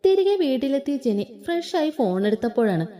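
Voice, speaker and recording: A woman's voice: high voice, moderate pace. A woman reading a romance story aloud, voicing every character. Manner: expressive reading, voices all characters.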